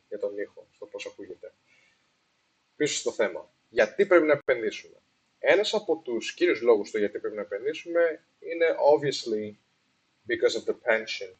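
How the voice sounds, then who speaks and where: This investing video host is a man with a lowish, slightly breathy voice who gives a casual explainer, sprinkling in English phrases amid lots of fillers and restarts. The sound quality is poor, and he apologizes for it.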